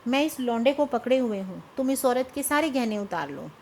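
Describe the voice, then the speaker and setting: A woman's voice: fairly high pitch, expressive, normal speed, a little hiss or hum. A woman voicing a bossy male robber who gives orders. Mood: commanding. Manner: commanding. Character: bossy male robber leader, gruff and commanding.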